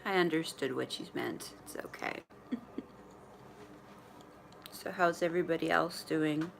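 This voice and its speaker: Low-voiced woman in her forties, chatty. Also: measured pace, gravelly, slight background noise. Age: 40s. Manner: candid and chatty, often laughing, sometimes talking while eating. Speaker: vlogger livestreaming to followers. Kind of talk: casual livestream chat. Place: indoors in her mother's apartment.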